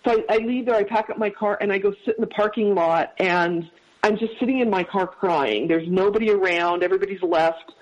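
A man as a podcast guest, telling a personal story in a heartfelt, halting way with many restarts. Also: high voice. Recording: dull lo-fi sound.

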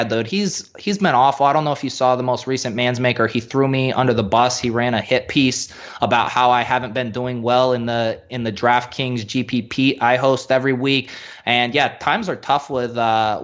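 A man's voice: mid-range voice, steady tone, moderate pace, a bit bright, highs cut off, lightly acted. A man putting on a cocky bragging fantasy bro. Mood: boastful. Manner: brash, calls everyone dude.

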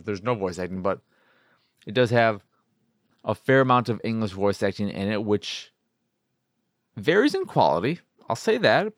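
A podcast host talks casually by himself while reviewing video games, rambling and looping back to rephrase what he's said. His voice is fairly low, and the studio-quality recording has no echo.

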